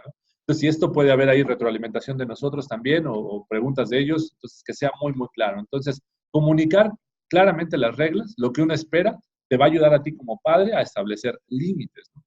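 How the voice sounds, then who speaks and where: On a dull, lo-fi recording, a middle-aged parenting course speaker chats casually with parents, restarting sentences and tacking questioning tags onto many phrases. He has a medium-pitched, darkish voice with a slightly rough edge.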